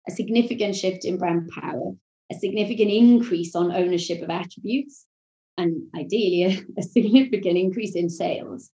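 A woman's voice: fairly low pitch, mellow, muffled recording. Welsh woman explaining in an echoey room. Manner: measured, explanatory, corporate phrasing. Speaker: marketing executive guest. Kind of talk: business podcast interview.

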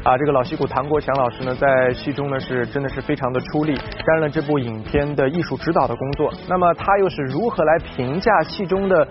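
A man's voice: on the high side, fairly even intonation, fairly quick, few pauses, music in the background. A man presenting entertainment news in a chatty way, introducing reports. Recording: slightly dull broadcast sound.

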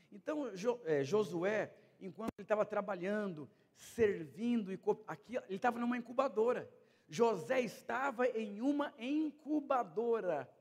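A man's voice: sits high, slightly rough, long reverb tail. A middle-aged man preaching a sermon as a pastor, talking conversationally and repeating his phrases.

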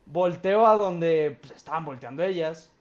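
Over a noisy crowd, a young man with a Mexican Spanish accent tells a casual story on a podcast where he co-hosts, his voice on the high side and unhurried. He wanders, uses slang, and leans on fillers, and the lo-fi sound is dull.

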